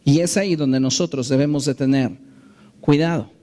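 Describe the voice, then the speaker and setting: A man preaching a sermon as a pastor in his church, slowing down and stressing key phrases in an earnest way. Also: a little high, fairly even intonation, warm tone. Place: church sanctuary.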